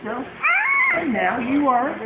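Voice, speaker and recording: A woman gently coaxing a child, heard as old VHS home-video sound. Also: high voice, animated, takes it slowly. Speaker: helper guiding a child on a swing. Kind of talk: casual coaxing talk to a child. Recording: muffled noisy echoey old home video.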